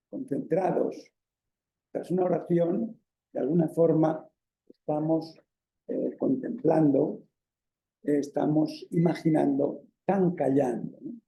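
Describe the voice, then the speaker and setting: A man's voice: on the high side, vocal fry, mellow. A man from Spain with a Peninsular Spanish accent giving an academic lecture as a university professor, explaining step by step with many fillers and tag questions. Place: lecture hall. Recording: echoey lecture room.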